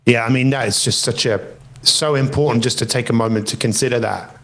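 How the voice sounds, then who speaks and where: A man's voice: mid-range voice, steady tone, fairly quick, a bit bright. A man in his fifties hosting a podcast as a life coach, talking in a reflective, easygoing way. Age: 50s. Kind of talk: podcast conversation.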